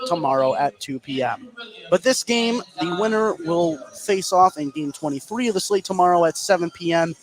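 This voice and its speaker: Live from an indoor school gym, a man with a rather high voice calls a basketball game as a play-by-play radio commentator. The recording is rough, with the gym crowd audible behind him.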